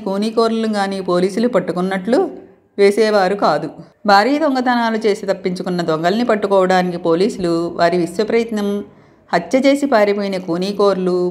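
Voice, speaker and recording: A woman reading a romantic story aloud as the channel's storyteller, expressive and voicing the dialogue with feeling. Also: mid-range voice.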